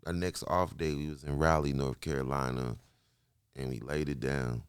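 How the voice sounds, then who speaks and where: A man in his late thirties from Kansas City, a musician guest telling stories in a slangy, animated way. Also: extremely low pitch, normal speed, clean tone, no echo, clean studio sound. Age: 30s. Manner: slangy, repetitive, animated storytelling. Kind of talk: casual interview chat.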